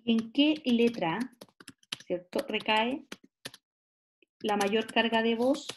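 A woman's voice: fairly high pitch, a little hiss or hum. A middle-aged woman, giving a classroom lecture. She explains step by step, drawing out example words and checking in with her listeners. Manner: explains slowly, stretches example words, asks rhetorical checks. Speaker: teacher.

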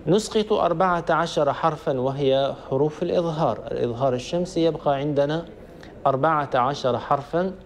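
A man, a sheikh, giving a recitation lesson, slowly drilling examples and rising in pitch on questions. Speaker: sheikh teaching Quran recitation.

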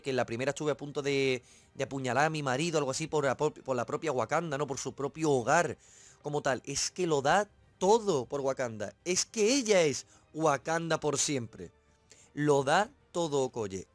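A man's voice: medium pitch, no room sound. A man from Spain with a Spain Spanish accent, giving a casual film review as a channel host, emphatic and swearing freely, repeating himself for effect.

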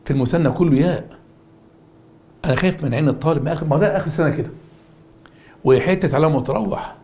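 A man's voice: fairly high pitch, quick pace, darkish tone. A middle-aged man with an Egyptian Arabic accent, teaching an exam-prep grammar lesson in an emphatic, repetitive drilling manner. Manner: emphatic, repeats words and drills students.

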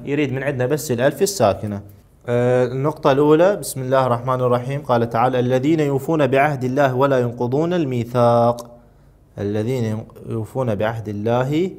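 A man teaching a recorded lesson, working through exercises. He draws out and repeats key words slowly and lifts his voice when reading verses aloud. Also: medium pitch. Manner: slow, drawn-out repetition of key words; rises to read Quranic verses.

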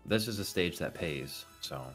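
A man's voice: sits low, expressive, normal speed, fairly bright tone, soft background music. A man in his twenties chatting casually as he streams slot gambling. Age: 20s. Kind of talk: casual chat.

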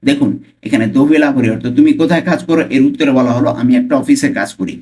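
A man with a Bangladeshi accent teaching Italian phrases, repeating each one slowly and carefully. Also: mid-range voice, darkish tone. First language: Bengali. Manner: slow, careful repetition of phrases. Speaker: language teacher. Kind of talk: Italian lesson for Bengali speakers.

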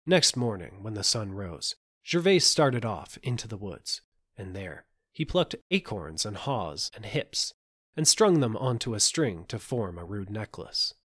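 A man reads a fairy tale aloud as an audiobook narrator. His low voice moves widely in pitch, giving the story an expressive lilt. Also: a little slow, slightly rough.

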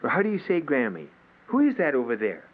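A man's voice: medium pitch, huge pitch swings, quick pace. An older man, a grandfather, coaxing a toddler to talk during a family home movie. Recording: tinny old home movie tape with hiss.

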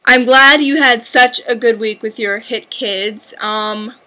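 A young woman chatting casually on her vlog, bubbly and full of filler words. Her voice sits high and bright. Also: fairly even intonation, slow pace. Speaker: vlogger. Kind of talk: casual chat.

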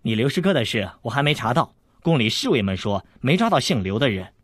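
男声扮演的爱逗人的少年小太监, 嗓音略沙哑, 录音干. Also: male voice, medium pitch, very animated, a little fast, breathy edge, dry recording. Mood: teasing. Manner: teasing, boastful, playful. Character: cheeky scheming teenage boy eunuch.

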